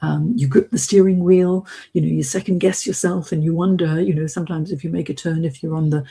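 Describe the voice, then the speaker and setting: A middle-aged British woman living in Hong Kong as an expatriate runs an informal live-stream coaching session, speaking to her audience directly and with encouragement. Her voice sits low and dark with a slight roughness, and she talks a little fast with fairly even intonation.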